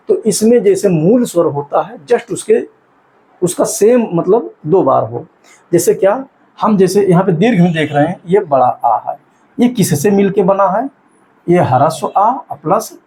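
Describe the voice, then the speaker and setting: A man's voice: sits high, dark tone, poor audio. A man teaching an exam-prep grammar lesson. He asks questions and answers them himself, and he stretches out vowel sounds to show them. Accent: Hindi-speaking north Indian.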